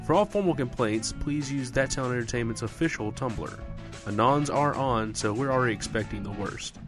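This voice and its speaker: A man's voice: medium pitch, normal speed. A man reading closing credits with dry, wry asides. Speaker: credits reader. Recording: music bed underneath. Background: guitar music.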